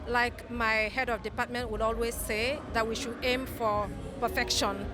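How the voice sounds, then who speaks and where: A middle-aged woman giving composed interview answers in short, deliberate phrases. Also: fairly high pitch, level tone. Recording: music behind interview.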